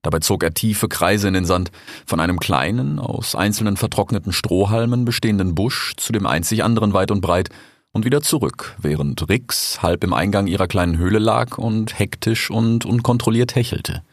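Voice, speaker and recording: A man narrating a fairy tale audiobook in a measured, storytelling manner. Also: lowish voice, dry recording, studio quality.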